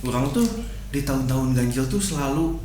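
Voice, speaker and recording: A man's voice: medium pitch, normal speed, dark tone. A young man with a Sundanese accent talking casually and in slang as a podcast co-host. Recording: roomy echo, faint background noise.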